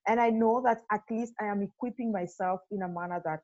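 A woman's voice: medium pitch, fairly quick, darkish tone. Earnest woman from Kenya on muffled audio. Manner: earnest, reflective with many fillers. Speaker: podcast guest. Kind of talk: casual interview.

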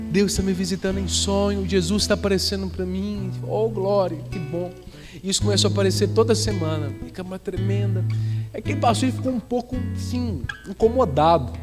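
A man's voice: high voice, long reverb tail. A man with a Brazilian Portuguese accent preaching a sermon, telling stories and repeating phrases for emphasis. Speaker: pastor. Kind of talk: sermon with storytelling. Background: soft guitar from the worship band.

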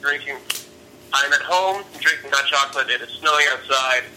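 A man on a phone speakerphone from home, chatting casually in a hesitant, laid-back way with lots of ums and pauses. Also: medium pitch, pushed and bright, a little hiss or hum, rough recording. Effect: heard over a phone speakerphone. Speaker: phone-in guest. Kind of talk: casual improvised chat.

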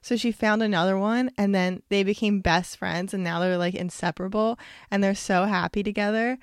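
A young woman co-hosting a podcast, telling stories in a loose, rambling way. Her voice is mid-pitched and ordinary, with a lot of "like". The recording is dry and close. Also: fairly even intonation, normal speed, no echo. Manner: rambling storyteller, lots of "like". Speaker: podcast co-host. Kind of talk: casual chat.

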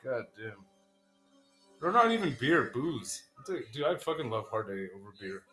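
A man co-hosting a casual podcast, swearing and laughing, swinging from loud bursts to low mutters. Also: very animated, normal speed, faint music behind. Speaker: podcast co-host.

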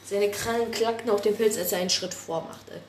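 A woman narrating an improvised animal tale, lively and often restarting her words. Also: mid-range voice, brisk, recorded from a distance. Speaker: storyteller. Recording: echoey room, faint background noise.

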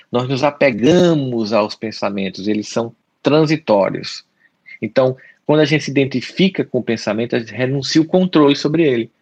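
A man's voice: mid-range voice, husky, no room sound. A man with a Brazilian Portuguese accent giving an explanatory solo talk as a podcast host, repeating his key points and speaking straight to the listener.

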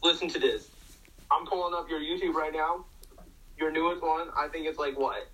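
A man's voice: on the high side, steady tone, normal speed, fairly bright tone, poor audio. A young man co-hosting a casual chat over a video call, teasing and mock-roasting a friend. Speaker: co-host.

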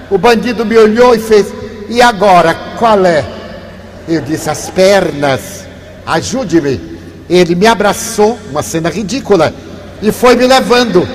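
An older man lectures like a storyteller, dropping to a hush and then rising again. His voice sits fairly high for a man, and a long hall reverb hangs behind it over a faint hum. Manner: warm storytelling, shifts from hushed to animated. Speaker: spiritist lecturer.

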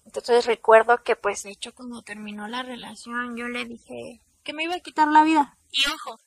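A woman's voice: high-pitched, creaky, dry recording. Mexican woman telling a confessional story. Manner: candid, confessional, slangy, soft-spoken at times. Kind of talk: personal storytime to camera.

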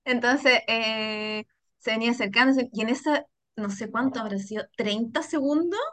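A Chilean woman telling a story on a casual podcast chat, animated and slangy, laughing often. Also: fairly high pitch, normal speed, no room sound. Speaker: podcast co-host.

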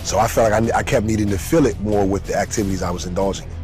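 A young man telling his personal testimony in an earnest, emotional way, with sudden rises in pitch. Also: fairly even intonation, racing, a little mellow, faint music behind. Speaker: testimony speaker.

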